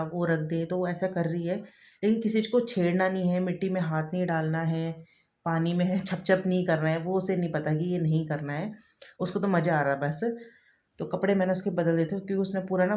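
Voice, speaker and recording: This home vlog features a woman in her thirties, mother of two, talking casually while she does housework through the kitchen and rooms, often saying things twice. Her voice is fairly low and a little mellow.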